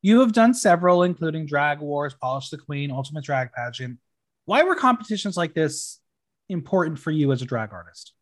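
Lively, higher-pitched male interviewer. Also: brisk. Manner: brief affirming interjections. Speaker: podcast host, interviewer. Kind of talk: interview questions.

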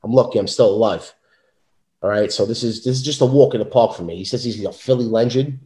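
A man's voice: lowish voice, fast, dark tone, echoey room. A man in his thirties with a Brooklyn New York accent, talking bluntly and tough in a casual interview. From South Brooklyn, New York, USA. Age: 30s. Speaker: professional wrestler, interview guest.

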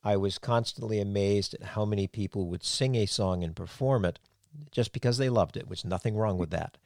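A man with a fairly low, darkish voice talks a little fast in a studio-quality recording with no echo. A podcast host and former sound engineer, he leads a casual interview, going on at length in long run-on thoughts and complimenting his guest.

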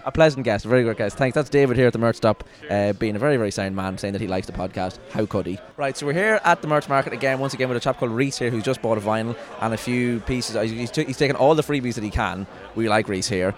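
Fast-talking joking man. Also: medium pitch. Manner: joking, rambling, swears casually. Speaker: podcast host. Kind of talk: casual chat. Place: merch market stall.

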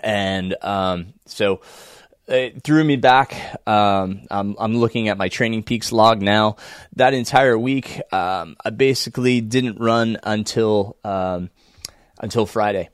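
An American man with a croaky, froggy voice, congested from a cold, talking casually and unhurriedly as he hosts a solo podcast. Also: fairly low pitch, takes it slowly, no echo, studio quality. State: under the weather, congested. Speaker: podcast host and running coach.

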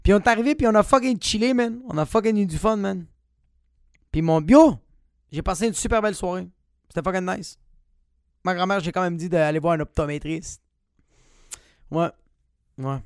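Brief: male podcast host with a Quebec French accent, swears a lot, animated, dry close sound. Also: high voice, normal speed, pauses often, clear, resonant tone, no room sound. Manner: profane, animated, bursts into shouting. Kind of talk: comic storytelling monologue.

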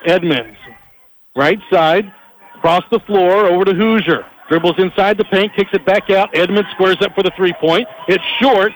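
A man calling college basketball on a headset mic, his voice set high and bright. He rattles through passes and dribbles at speed and jumps higher when a shot drops. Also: rough recording. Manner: rapid energetic calls, rising on big plays. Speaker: play-by-play announcer. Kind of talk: live basketball play-by-play.

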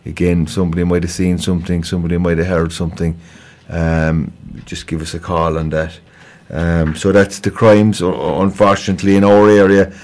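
Speaking as a guest on local radio, an Irishman with a Kerry accent gives an informal police appeal about a crime, conversational and hesitant, repeating words frequently. His low, darkish voice is monotone, at a moderate pace with few pauses.

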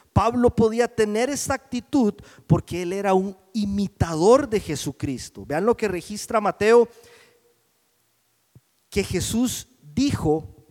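A man delivers a sermon in a fairly high voice, carried by the long reverb of a hall. He swings between loud emphatic phrases and hushed, prayerful asides, often pausing to check in with his listeners. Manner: preaching with swells of volume and hushed prayerful drops; checks in with the audience with frequent "¿sí?". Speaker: pastor.

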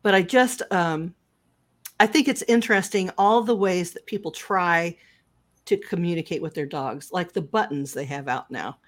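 A woman's voice: lowish voice, normal speed. A woman chatting casually and giving her opinions, reflectively weighing both sides of her own argument.

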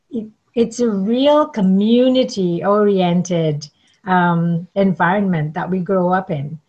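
A middle-aged woman from Trinidad and Tobago, a networking coach, is an interview guest telling her story conversationally. Her voice is mid-range with a darkish tone, and the audio sounds dull.

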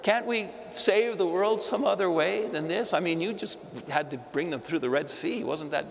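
A man's voice: sits high, moderate pace, creaky, in a large hall, a little hiss or hum. A man voicing a reluctant male savior who pleads and complains. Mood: pleading.

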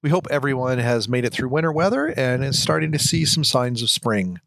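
A man's voice: mid-range voice, animated, fairly quick, creaky, a bit bright, dry recording, clean studio sound. An American man hosting a podcast in a casual, informal way, calling from his backyard outdoors. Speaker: podcast host.

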